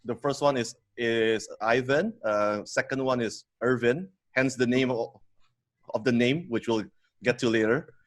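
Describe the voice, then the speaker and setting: This podcast guest, a company co-founder in his thirties who grew up in Indonesia, speaks at a middle pitch. He tells his story in casual interview fashion, halting, full of fillers and restarts, laughing easily.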